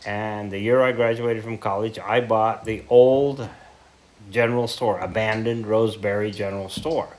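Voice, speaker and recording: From central Idaho in the United States, a man in his seventies with an American accent gives an informal heritage lecture to a local group. He tells his story reflectively, pausing and correcting himself, in a lowish voice with a steady tone.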